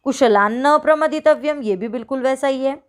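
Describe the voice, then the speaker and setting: A woman teacher with a fairly high voice works through a worksheet aloud for her students. She keeps asking them a question and then answering it herself. She slows right down to spell out each example. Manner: talks to pupils as children, asks and answers her own questions; stretches out each example slowly. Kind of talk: online worksheet walkthrough.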